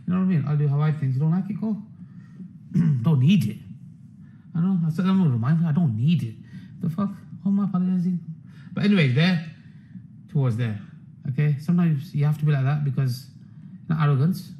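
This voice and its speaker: A man's voice: fairly high pitch, fast, pauses often, muffled recording, slight background noise. A man giving an unscripted live trading session, blunt, profane and rambling, often breaking off to lecture his viewers combatively. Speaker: trading educator.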